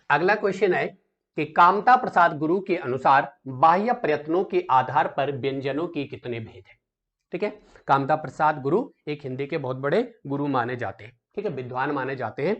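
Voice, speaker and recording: A man's voice: a little high, a bit bright, dull audio. A man teaching an exam solution lesson, asking questions and answering them himself, often checking in with the class and calling students "beta". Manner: keeps checking in with "theek hai" and calls students "beta".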